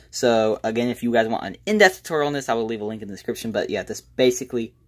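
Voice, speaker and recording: Fast-talking man giving a casual tutorial. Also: on the low side. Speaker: magic tutorial presenter.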